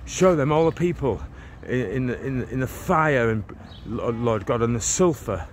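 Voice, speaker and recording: A man in his forties from England prays and preaches fervently in a mid-range voice with lively intonation and a measured pace. He's walking a residential street, filming on a phone at arm's length, often rambling and restarting his words while traffic passes by.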